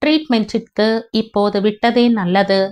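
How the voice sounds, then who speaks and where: A woman's voice: mid-range voice, clean tone. Woman narrating a family novel. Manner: steady, measured storytelling. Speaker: audiobook narrator.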